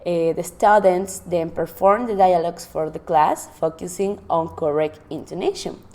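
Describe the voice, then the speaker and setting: A woman's voice: lowish voice, normal speed, mellow. A woman teacher presenting classroom activities from her notes, stopping to restart and correct herself. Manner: reads from notes with frequent restarts and self-corrections. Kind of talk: presenting a lesson plan.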